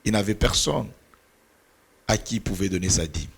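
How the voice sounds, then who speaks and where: In a church talk on mentoring, a middle-aged mentor and pastor with Portuguese as his first language speaks at a moderate pace. His deep voice shows vocal fry and slight roughness, and his earnest, sermon-like delivery includes moments of searching for words.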